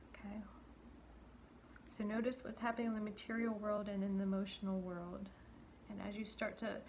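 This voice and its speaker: A woman reading tarot cards for her viewers in a soft, halting way. She has a gravelly, creaky edge to her voice and often restarts her sentences or drops to a whisper. A faint hiss of room noise sits behind her. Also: mid-range voice. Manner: gentle, halting, many fillers and restarts. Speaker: tarot card reader. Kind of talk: intuitive card reading to viewers.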